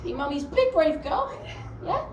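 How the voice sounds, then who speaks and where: A woman's voice: sits high, sing-song, unhurried, recorded from a distance. A woman playing a mother coaxing her little daughter with sing-song encouragement. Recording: echoey room, voice off-mic, noise.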